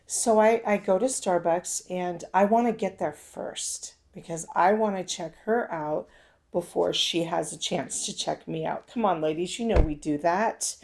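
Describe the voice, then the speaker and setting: A self-help speaker with a lowish, creaky, darkish voice tells a personal story a little slowly. She keeps it casual and conversational, speaking straight to her listeners.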